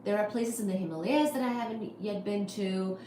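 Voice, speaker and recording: A woman's voice: mid-range voice, brisk, warm tone. Chatty woman in an echoey room. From India. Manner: chatty, wry, answers chat questions. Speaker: livestream host. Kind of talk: casual chat reading viewer comments. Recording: echoey room with faint noise.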